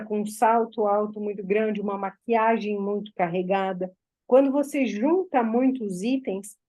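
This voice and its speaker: A woman leads a group mentoring session. She speaks in a direct, instructive way, and her voice sits on the higher side. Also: warm tone, rough recording.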